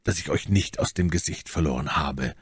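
A stern, coldly menacing nobleman speaks slowly and quietly in a very low, husky voice, as read by a male narrator. The audiobook recording is dry and close. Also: no echo, full character voice. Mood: accusing. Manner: slow, measured, threatening. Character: stern cold nobleman, adult, menacing calm. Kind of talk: audiobook character voice.

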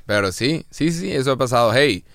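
A young man with a Monterrey accent, co-hosting a casual podcast, talking loudly and profanely with animated shifts. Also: medium pitch, brisk, no room sound, clean studio sound. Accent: northern Mexican (Monterrey). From Monterrey, Mexico. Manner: loud, profane, animated, puts on mocking voices. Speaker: podcast co-host.

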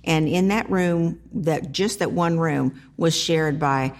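A middle-aged woman from South Carolina speaks in a low-pitched voice. She is a plain-spoken interview guest who talks casually and a little haltingly, as if recounting things from her own experience. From small town in South Carolina, United States. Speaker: interview guest, food pantry organizer. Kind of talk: casual conversational storytelling.

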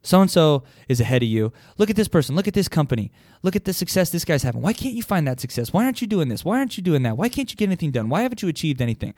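A man's voice: a little high, big pitch swings, a little mellow, no echo, studio quality, voice pushed up. A man doing a nagging inner critic voice. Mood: needling. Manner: needling, comparing, rapid-fire questions.

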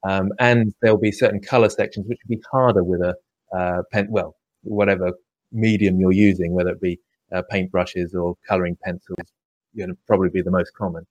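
A man explains his drawing course in a live question session. His voice sits a little low, and he talks haltingly, with frequent fillers and restarts. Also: steady tone, a little mellow, muffled recording. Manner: hesitant, many ums and restarts. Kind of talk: live online Q&A.

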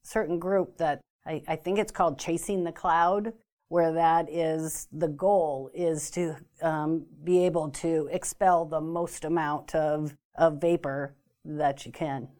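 Lady guest explaining vaping stuff, kinda low voice, lots of ums and restarts. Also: fairly even intonation, takes it slowly, warm tone. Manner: hesitant, many ums and restarts. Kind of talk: informational talk show interview.

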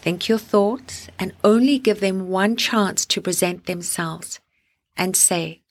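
A medium-pitched female voice guides a meditation for sleep, soft and reassuring. Each deliberate phrase is followed by a long pause.

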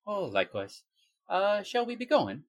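A man's voice: high voice, wildly swooping pitch, moderate pace, no room sound, studio quality, heavily acted. A man doing a cheery, polite investigator with a put-on accent. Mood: cheerful. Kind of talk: tabletop role-play in character.

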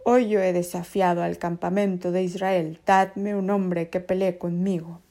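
Woman voicing a loud, boastful giant warrior. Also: on the low side, little pitch movement, a little slow. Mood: defiant challenge. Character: boastful giant male warrior challenging an army.

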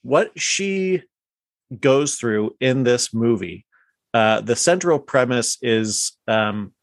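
A man on a podcast, talking casually with many hesitations and clear enthusiasm. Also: medium pitch, lively intonation, slow, no room sound. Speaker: podcast co-host. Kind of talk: casual chat.

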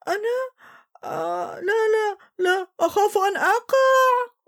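A woman's voice: very high voice, a little slow, vocal fry, heavily acted. A woman voicing a timid young boy in a children's story who is scared of almost everything, with a trembling, pleading voice. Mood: frightened, pleading. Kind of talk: storybook voice acting.

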